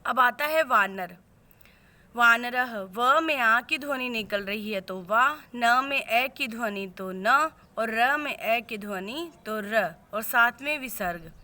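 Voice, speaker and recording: A woman teacher giving a lesson, explaining slowly and patiently, step by step. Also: on the high side, bright, forceful tone. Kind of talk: classroom lesson on word spelling.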